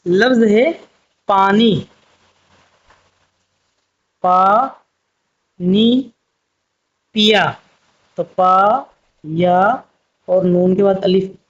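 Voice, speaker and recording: A man's voice: sits high, fairly even intonation, takes it slowly, pauses often, highs cut off. A man teaching Urdu script, patiently spelling out letters one by one. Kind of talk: slow spoken writing lesson.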